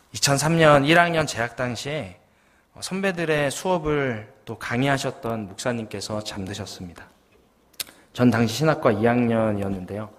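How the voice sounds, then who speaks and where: A man's voice: mid-range voice, a bit bright. A man in his thirties, a junior pastor preaching a sermon, telling a story and asking the congregation questions. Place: church sanctuary. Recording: long church hall reverb.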